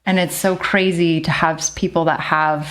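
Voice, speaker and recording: A woman's voice: low voice, steady tone, moderate pace. A woman guest on a podcast, talking in a rambling casual way with lots of "like". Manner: rambling, heavy use of "like", laughs often. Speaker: nurse practitioner and midwife guest.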